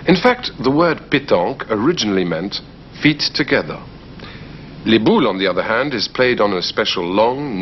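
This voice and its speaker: A male presenter reads a measured documentary narration in a lively, varied pitch. The sound is dull and lo-fi, from an old broadcast recording with a faint hum underneath. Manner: measured explanatory delivery. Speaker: programme presenter.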